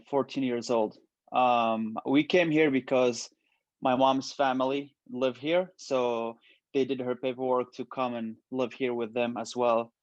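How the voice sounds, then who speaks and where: An Iraqi-born man in his late 20s, appearing as a bodybuilder guest in a casual interview, speaks in a medium-pitched voice. He's relaxed and uses lots of ums and likes. The audio is dull and dry, with no room sound.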